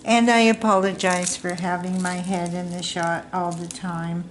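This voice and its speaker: Slow, rambling woman chatting while crafting. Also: on the low side, flat delivery. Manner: rambling, chatty, self-deprecating. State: hiccups. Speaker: crafting vlogger. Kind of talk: casual chat while crafting. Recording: echoey room with clear background noise.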